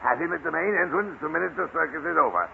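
A man playing a brisk, commanding businessman in a 1940s radio drama. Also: a little high, vocal fry, a little hiss or hum. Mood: bossy. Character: bossy businessman giving orders. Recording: tinny old radio broadcast.

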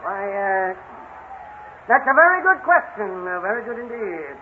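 A man's voice: high voice, big pitch swings, moderate pace. A man playing a brash carnival barker reeling off a showman's spiel in a 1940s radio drama. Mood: hawking. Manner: showman spiel, loud patter. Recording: noisy tinny old radio broadcast.

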